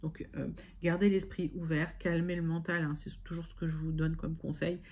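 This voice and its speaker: A woman's voice: low-pitched, little pitch movement, moderate pace, a little mellow, breathy edge. A woman giving a casual online tarot reading. She talks straight to her viewers as friends, reassuring them, with frequent fillers and self-corrections. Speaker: tarot card reader.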